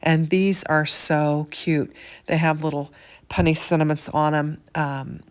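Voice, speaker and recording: An older woman with a low voice narrates a papercraft tutorial. She chats in a relaxed, folksy way and fills her pauses with small "um"s as she walks through each step. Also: clean tone. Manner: chatty, folksy, with frequent fillers. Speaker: craft demonstrator. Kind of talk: casual craft tutorial narration.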